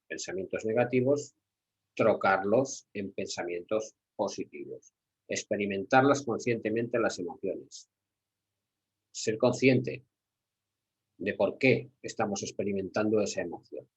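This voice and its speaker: Spanish guy teaching security guards, kinda low husky voice, asks himself questions and answers them. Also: a little slow, long pauses, rough recording. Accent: Spanish from Spain. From Spain. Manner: didactic, repeats key words, asks rhetorical questions. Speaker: security trainer. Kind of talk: workshop lecture.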